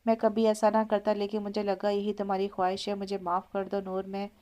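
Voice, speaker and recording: A woman's voice: mid-range voice, monotone, a little fast, warm tone, close to an everyday voice. A woman voicing a teasing young husband. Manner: teasing, playful.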